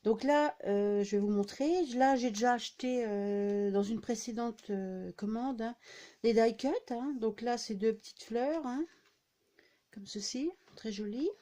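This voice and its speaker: Woman, middle-aged, mellow warm voice, casual vlog chat, lots of fillers, relaxed show-and-tell. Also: a little high, measured pace. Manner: chatty, many fillers and "hein" tags. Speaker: scrapbooking vlogger.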